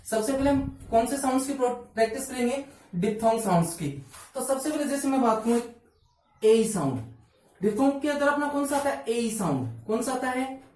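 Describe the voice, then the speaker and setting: A woman with a fairly high, mellow voice teaches a phonetics lesson for exam prep. She keeps asking questions and answering them herself. She is heard from some distance in an echoey room. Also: brisk. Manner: drills with repeated questions and answers.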